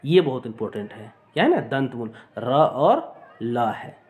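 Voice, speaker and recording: A very animated man at medium pitch speaks a little slowly, his tone a little mellow. Teaching for an exam, he keeps repeating points, greets his viewers as friends, and models vowel sounds aloud for them to follow.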